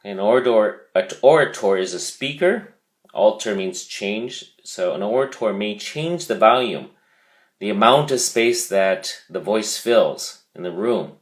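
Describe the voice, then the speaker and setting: A man teaching a vocabulary lesson, speaking deliberately and repeating key words for emphasis. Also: on the low side, animated.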